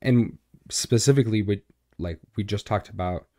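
In a small home studio, a young man co-hosts a podcast, chatting casually through a boom-arm studio mic. His deep, boomy voice moves at a moderate pace in a dry recording, relaxed and rambling, with lots of fillers.

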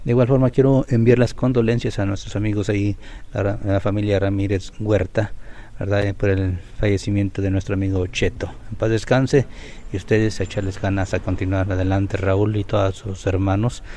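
A man's voice: on the low side, flat delivery, moderate pace, dark tone, a little hiss or hum. A middle-aged man with a Mexican accent hosting live local radio, chatty and sending greetings and dedications from the studio booth. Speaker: radio host.

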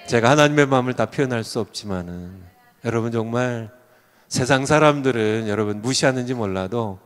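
An older man preaching a revival sermon as a pastor, shouting some lines with fervor and dropping to a low voice for others, chuckling now and then. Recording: long hall reverb.

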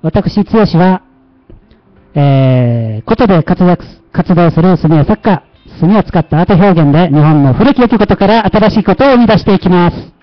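Casting Man, Kansai accent, slightly high voice, casual livestream host, joking about himself, dry close-miked lo-fi audio. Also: animated, normal speed, no echo, faint music behind. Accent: Kansai Japanese. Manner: chatty and self-mocking, laughing often.

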